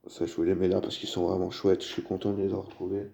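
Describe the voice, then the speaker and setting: This man speaks low and quickly with a flat, creaky, dark delivery. In a laid-back vlog, he describes his flea-market toy car finds, padding his chatter with fillers and addressing viewers as "les gars."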